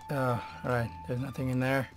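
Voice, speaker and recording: A man's voice: mid-range voice, flat delivery, a little fast, noisy background. A man giving let's play commentary on a horror game, jumpy and nervous, swearing and often dropping to whispers near his microphone. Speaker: gamer playing a horror game. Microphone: desk microphone.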